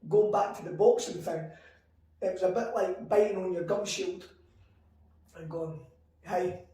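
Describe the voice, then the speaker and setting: Animated man in his forties. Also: high-pitched, a little slow. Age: 40s. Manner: animated, acts out quoted conversations. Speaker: guest entrepreneur. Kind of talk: candid storytelling interview. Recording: echoey room, mic at a distance.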